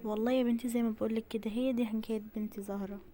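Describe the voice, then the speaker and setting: A kind mother who lost her daughter long ago, voiced by a woman speaks tenderly with an Egyptian accent. Her words come quickly in a mellow, slightly dark tone. She sounds gentle and caring. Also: on the high side, steady tone, lightly acted. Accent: Egyptian Arabic.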